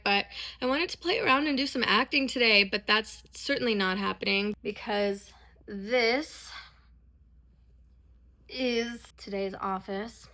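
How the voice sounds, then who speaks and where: A dance and performance vlogger in her thirties talks casually and candidly, sounding congested with a sore throat. Her voice is medium in pitch with a sharp tone.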